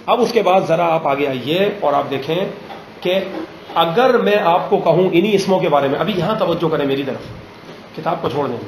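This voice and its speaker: A man teaching a grammar lesson in a classroom, pausing often to ask students questions and slowing down on examples. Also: a little high, animated, a little hiss or hum. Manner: drills students with frequent check questions; slows down to spell out example phrases. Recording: roomy classroom echo.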